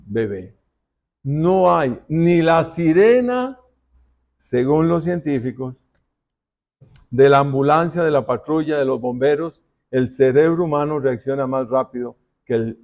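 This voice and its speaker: A male pastor preaches at an unhurried, drawn-out pace, his voice pitched a little high. He keeps turning to the congregation with rhetorical questions, as if in conversation with them. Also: mellow. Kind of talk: sermon. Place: church.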